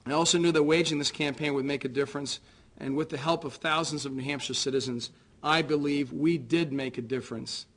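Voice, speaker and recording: Man, American accent, slightly high voice, political candidate, formal prepared concession speech, measured and earnest delivery. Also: fairly even intonation, a bit bright.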